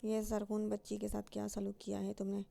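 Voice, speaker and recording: A woman's voice: medium pitch, completely flat delivery, creaky, dark tone. A woman reading aloud and voicing a fond but commanding grandmother who scolds with authority.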